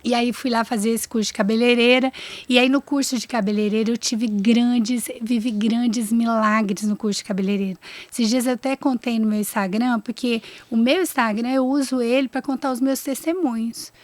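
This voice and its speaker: This is a young woman with a Brazilian Portuguese accent telling a personal faith story as a podcast guest. Her voice sits a little high. She tells it vividly and expressively, and the sound is dry and close. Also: steady tone, moderate pace, no room sound.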